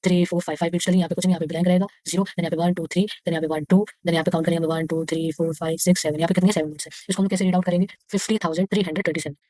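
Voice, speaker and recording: A woman with an Indian accent teaching maths to young pupils. She reads English textbook lines slowly, then explains them again and counts aloud step by step. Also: on the low side, level tone, warm tone, no room sound. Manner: slow, deliberate reading of English textbook lines; explains each line again in Hindi. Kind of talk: casual lesson for young pupils.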